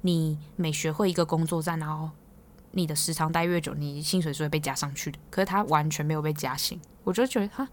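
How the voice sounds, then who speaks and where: A young Taiwanese-accented woman rattles through a casual podcast monologue at a brisk clip. Her voice sits a little low, and she teases freely and laughs easily as she tells her stories. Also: steady tone, slight background noise. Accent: Taiwanese Mandarin. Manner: chatty, teasing, quick to laugh. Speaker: podcast host.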